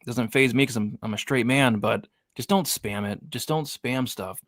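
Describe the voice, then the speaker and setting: A man's voice: medium pitch, normal speed, fairly bright tone, dry recording, studio quality. A man hosting a live fight watch-along, chatty and hyped, reading the chat aloud. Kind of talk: casual live-stream chat.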